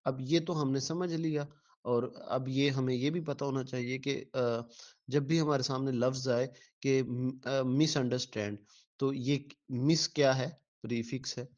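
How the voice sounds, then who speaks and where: A man's voice: medium pitch, steady tone, slow, a little mellow, highs cut off. A male teacher giving an exam-prep lecture, patiently repeating words syllable by syllable and answering his own questions.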